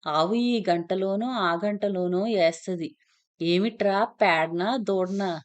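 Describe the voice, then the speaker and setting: Woman doing a loud rustic cowherd man. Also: medium pitch, takes it slowly, lightly acted. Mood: eager. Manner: rural dialect, shouting calls.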